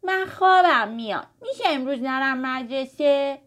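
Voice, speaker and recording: A woman's voice: high-pitched, lively intonation, fairly bright tone, pitched above the performer's own voice. A woman voicing a petulant, complaining schoolboy, the older brother in a children's story. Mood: angry. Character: schoolboy, grumpy older brother who turns kind.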